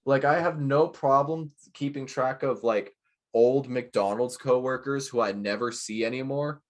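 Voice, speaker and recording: Young guy cohosting a chill podcast, rambly, jokey, pokes fun at himself. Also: medium pitch. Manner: rambling, self-mocking, quick to joke. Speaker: podcast co-host. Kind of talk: casual chat.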